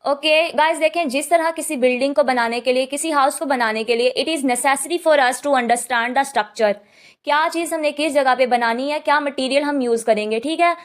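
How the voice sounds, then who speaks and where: High-voiced woman teaching grammar. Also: moderate pace. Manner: explains in Hindi-English mix, repeats "ठीक है" often. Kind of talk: online lesson.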